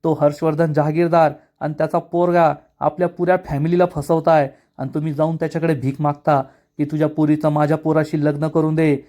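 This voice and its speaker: An angry, defiant young man who hurls accusations and raises his voice, read out by a man. The voice sits fairly high with a soft, mellow tone. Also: flat delivery, fairly quick, few pauses, close to an everyday voice. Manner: shouting, accusing.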